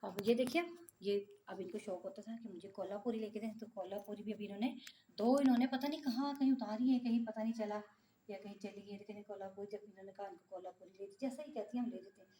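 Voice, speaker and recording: A woman's voice: mid-range voice, fairly even intonation, fast, warm tone, a little hiss or hum. A middle-aged woman from Pakistan vlogging casually, talking to her viewers in an exasperated, complaining way. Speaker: vlogger, mother. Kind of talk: casual vlog monologue.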